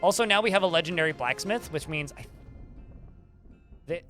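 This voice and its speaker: A man talks his way through a game on a live stream, rambling to his chat in an even tone that some listeners take for irritation. His voice is bright and forceful and sits a little high, and faint game music plays underneath. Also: moderate pace. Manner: talks in a flat tone that some hear as annoyed; chatty, rambling asides to chat. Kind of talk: live-stream gameplay commentary.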